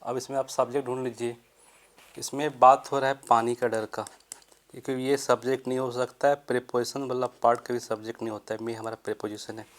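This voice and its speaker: Speaking in Hindi, a man works through English grammar one step at a time, raising questions only to answer them himself. He reads the example sentences with slow deliberation, his mid-range voice showing little pitch movement.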